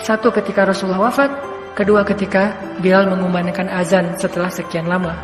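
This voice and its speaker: Male preacher, animated storytelling, long hall reverb, faint background music. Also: sits high, fast. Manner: animated storyteller acting out the characters' lines. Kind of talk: storytelling sermon.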